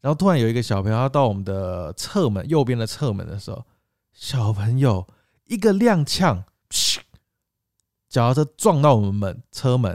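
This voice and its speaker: A man's voice: mid-range voice, normal speed, no echo, studio quality. A man with a Taiwanese Mandarin accent, co-hosting a podcast and telling a story in a casual chat, acting out the people he quotes. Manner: animated, acts out quoted voices. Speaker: podcast co-host.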